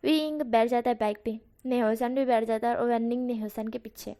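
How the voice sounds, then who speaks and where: A woman's voice: a little high, steady tone, normal speed, warm tone. A woman casually narrating a fan fiction story in a conversational way, sometimes correcting herself.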